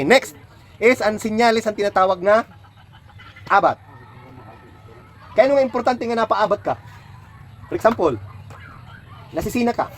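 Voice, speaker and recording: A man's voice: sits high, a little hiss or hum. A man tutoring a child at home, patiently coaxing answers with lots of questions. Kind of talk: home lesson, quizzing a child.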